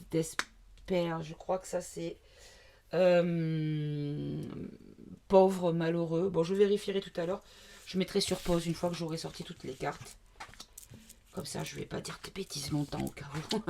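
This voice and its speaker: A woman's voice: on the low side, gravelly, a little mellow. A woman from the south of France doing a casual card reading to camera, thinking aloud with many fillers and asides. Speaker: card reader.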